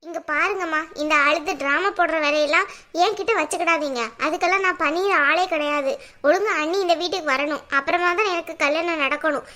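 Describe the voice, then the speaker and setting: A woman's voice: very high-pitched, brisk, pushed and bright. A woman voicing a stubborn, defiant young daughter in a cartoon who talks back curtly. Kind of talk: cartoon voice acting.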